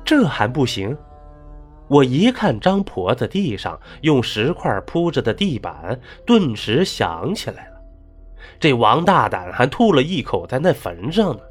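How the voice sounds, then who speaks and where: A man's voice: mid-range voice, big pitch swings, a little slow, slightly rough, soft background music. A man narrating a folk ghost story in a dramatic, rising and falling delivery.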